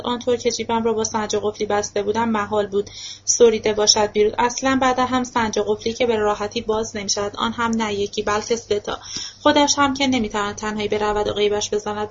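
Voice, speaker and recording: A woman reading a novel aloud in steady first-person narration for an audiobook, on a dull lo-fi recording. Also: mid-range voice. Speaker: audiobook reader.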